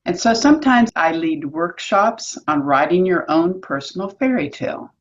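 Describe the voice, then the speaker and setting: Speaking at a normal pace with lively intonation, a woman on the lower end of the pitch range walks viewers through a semi-scripted lesson for her educational video series. She's articulate and instructive, with a touch of wryness, and she's also an author and workshop leader. The sound quality is lo-fi.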